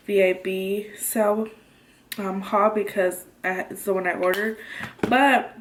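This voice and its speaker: A young woman in her twenties chatting casually to camera as a beauty vlogger, rambling with many ums and likes. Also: mid-range voice. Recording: echoey room, faint noise.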